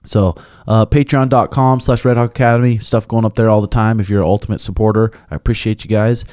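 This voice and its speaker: A young man hosts a casual podcast in a lowish voice, laid-back and crude, swearing as he talks. The sound is dry and close. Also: fairly even intonation, fast talker, dark tone, no echo. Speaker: podcast host.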